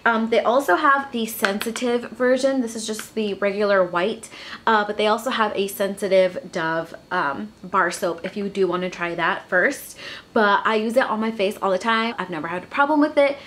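A woman's voice: mid-range voice, normal speed, fairly bright tone, a little hiss or hum. Chatty young woman vlogging. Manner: chatty and earnest, frequent ums. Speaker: beauty vlogger. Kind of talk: casual talk to camera.

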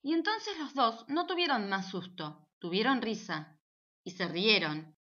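A woman narrating a children's storybook in an animated, playful way. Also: fairly high pitch, unhurried, highs cut off. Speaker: audiobook narrator.

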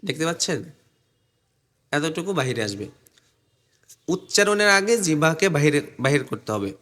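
A man's voice: fairly high pitch, big pitch swings, a bit bright. A man teaching Arabic letter pronunciation, drilling syllables over and over and explaining step by step where the tongue and lips go. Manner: drills syllables slowly, repeating them many times; explains step by step, asks the viewer to watch his tongue. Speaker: Quran recitation teacher. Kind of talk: pronunciation lesson.

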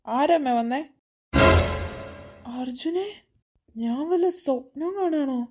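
A woman's voice: sits high, slow, over loud music. A woman voicing an emotional teenage boy in a cartoon, speaking in a tearful, disbelieving, pleading way. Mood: astonished. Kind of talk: cartoon voice acting.

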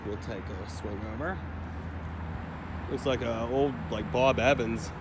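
A man's voice: medium pitch, unhurried, very noisy. A man casually narrating a walk-around vlog outside a building, talking straight to his viewers with frequent exclamations, recorded on a handheld phone outdoors. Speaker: vlogger exploring abandoned places. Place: outdoors around an abandoned restaurant and its parking lot.

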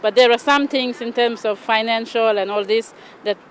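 A middle-aged woman from Papua New Guinea with a Papua New Guinean accent, a church program coordinator giving measured, earnest interview answers outdoors. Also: fairly high pitch, fairly even intonation, fairly bright tone, slight background noise. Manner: measured, earnest, with pauses and restarts. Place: outdoors by a stone wall in a city.

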